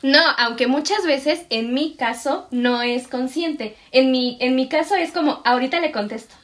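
A woman's voice: sits high, normal speed. A woman in a casual chat, giving short reactions and laughing along.

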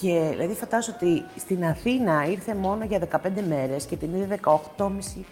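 A woman's voice: fairly low pitch, a little mellow, big-room sound, faint music behind. A woman actress as an interview guest, telling stories animatedly with many hesitations. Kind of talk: casual interview storytelling.

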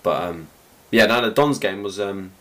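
A very low-pitched man with a croaky, worn-out voice talks football casually. He rambles and stops to restart his sentences. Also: crowd noise. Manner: rambling, halting, lots of fillers. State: croaky, tired voice. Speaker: podcast host.

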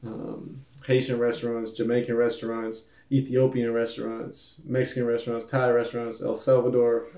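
A man's voice: medium pitch, monotone, moderate pace, warm tone, far from the mic. A man guest in a casual conversation, laid-back and rambling with lots of fillers. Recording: echoey room, off-mic.

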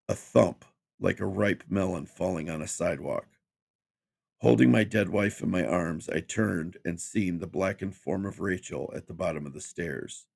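Deep gravelly guy reading a horror story, slow and grim. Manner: measured, grim dramatic delivery.

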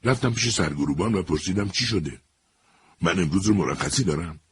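A man narrating an audiobook in a steady, measured storytelling read. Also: deep voice, slightly rough. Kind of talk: scripted narration.

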